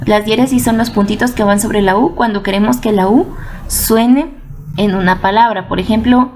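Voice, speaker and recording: A woman's voice: mid-range voice, normal speed, darkish tone. A woman teaching a video lesson to children, patient and explanatory, often checking that they follow and repeating words for emphasis.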